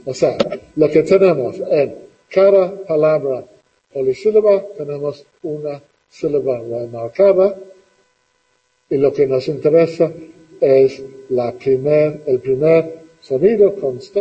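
Slow, patient male teacher in a reverberant classroom. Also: on the high side, lively intonation, muffled recording. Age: middle-aged. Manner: slow, patient questioning, repeating students' answers. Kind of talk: classroom lesson with questions to students.

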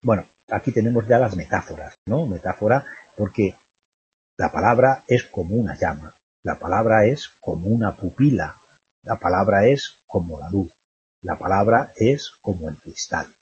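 A man's voice: on the low side, animated, moderate pace, a little mellow, breathy edge. A man teaching a poetry lesson, thinking aloud and checking in with the listener after nearly every phrase. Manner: constant tag questions, thinking aloud. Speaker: literature teacher. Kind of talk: recorded lecture analyzing a poem. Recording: dull dry lo-fi recording.

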